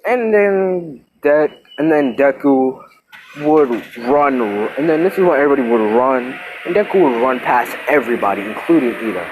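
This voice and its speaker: A man's voice: mid-range voice, lively intonation, normal speed, poor audio. A young man narrates a fan-made story in a loose, rambling way, stopping to correct himself. His voice sits in an ordinary middle range. A faint hiss of background noise runs under the recording. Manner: rambling retelling with restarts, voicing characters lightly.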